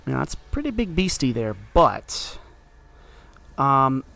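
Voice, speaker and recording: Gravelly man thinking aloud over gameplay. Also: medium pitch, very animated, takes it slowly, fairly bright tone. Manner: thinking aloud while playing, offhand. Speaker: card game streamer. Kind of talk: casual gameplay commentary.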